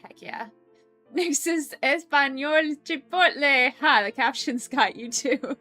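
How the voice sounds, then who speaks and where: A young woman with a high, bright, forceful voice speaks slowly while hosting a casual coworking stream and reading viewer comments aloud. She's chatty and laughs often, with lots of ums and restarts, and faint music plays in the background.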